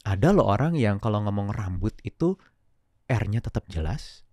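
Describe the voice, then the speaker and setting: A man with a fairly low voice gives casual, explanatory interview answers. He talks like a coach, working through examples and mixing in English words. The recording is dry, with little room sound. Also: expressive, normal speed, warm tone, no room sound. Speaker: public speaking coach and guest.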